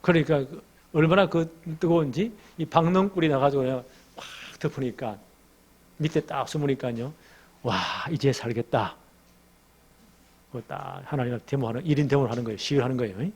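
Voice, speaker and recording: Gravelly, husky male preacher. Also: medium pitch, quick pace. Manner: animated storytelling, asks the congregation questions. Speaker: pastor. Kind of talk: expository sermon.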